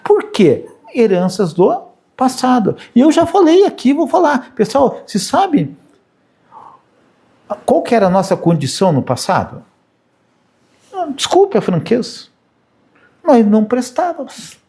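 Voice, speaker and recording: A man's voice: extremely high pitch, huge pitch swings, unhurried, pauses often, warm tone. A middle-aged man giving an informal spiritual talk, telling anecdotes and tagging sentences with "né?". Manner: chatty, anecdotal, frequent "né?" tags. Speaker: spiritist speaker.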